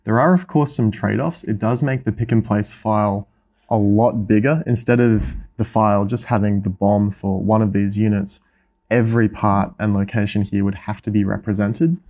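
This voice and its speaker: Hosting a relaxed workshop vlog, this young Australian man talks at a normal speed with a fairly low, steady, mellow voice. His explanation of putting electronics together is enthusiastic, and he counts items off along the way.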